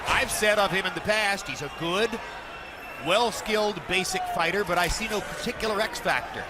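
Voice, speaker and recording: High-pitched male boxing play-by-play commentator. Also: normal speed. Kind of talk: live sports commentary. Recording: loud arena crowd and noise behind.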